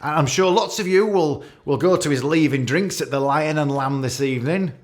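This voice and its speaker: In a radio play, a man with a British accent plays an awkward, catty office boss delivering a leaving speech that's fond, rambling and jokey. His voice is a little high and lightly acted at normal speed, and he's hesitant and repetitive, slipping in barbed asides.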